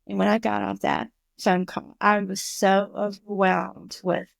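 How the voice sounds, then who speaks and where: Gravelly-voiced woman telling her story. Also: mid-range voice, a little slow, dry recording. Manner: animated, emotional storytelling. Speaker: guest, recovery school founder. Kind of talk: personal storytelling in a podcast interview.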